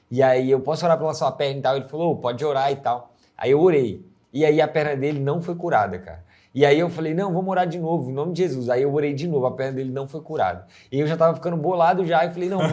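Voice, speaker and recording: A man's voice: fairly high pitch, darkish tone. A man with a Brazilian Portuguese accent telling a story in a casual, slangy chat. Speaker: co-host.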